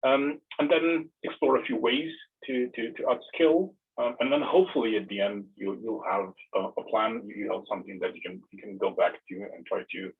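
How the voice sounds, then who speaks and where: A man in his thirties from Romania, giving an online tech presentation in a halting way, often repeating words before going on. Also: on the low side, fairly even intonation, husky. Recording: tinny, phone-like narrow audio.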